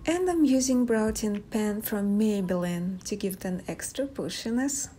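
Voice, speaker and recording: Over background music, a young Russian-accented woman, a native Russian speaker, presents a makeup tutorial as a beauty vlogger. She speaks at a normal speed in a warm, mid-range voice with lively intonation.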